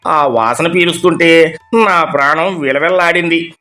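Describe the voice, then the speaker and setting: A man voicing a sneaky, greedy male neighbour who pleads slowly and hesitantly after being caught. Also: on the high side, pushed and bright, faint music behind. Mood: pleading.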